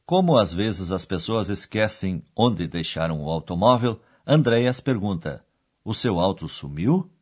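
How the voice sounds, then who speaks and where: Husky, animated man presenting a radio course. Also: deep voice, measured pace. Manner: didactic, clearly explaining. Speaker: radio language course host. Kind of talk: scripted educational narration.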